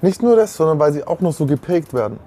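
Earnest male guest, slightly high voice. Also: big pitch swings, fast talker, dark tone. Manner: earnest, reflective, emphatic. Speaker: guest, former convict. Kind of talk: casual interview conversation.

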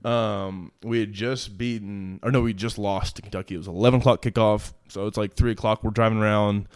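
A man's voice: fairly low pitch, fairly even intonation, a little fast, clear, resonant tone, dry recording, studio quality. A young man in his twenties, a pro football player, chatting casually and telling stories with lots of fillers and laughs. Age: 20s. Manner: laid-back, many fillers, laughs while telling stories. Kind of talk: casual chat, storytelling.

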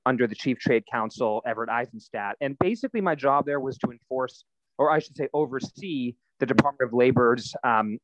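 A man in his thirties, a nonprofit founder, answering interview questions in a relaxed, storytelling way with frequent fillers. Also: medium pitch, no room sound, lo-fi sound.

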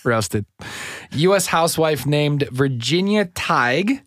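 A man's voice: a little high, expressive, slow, a bit bright, no echo. A man co-hosting a podcast in casual, joking banter, his voice clipping and distorting from talking too close to the mic. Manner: joking, plays along with teasing. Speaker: podcast co-host.

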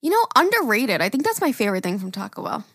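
Woman, Long Island accent, bright punchy tone, lively intonation, casual friendly chat, dry recording. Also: on the high side, quick pace, no room sound. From Long Island, New York.

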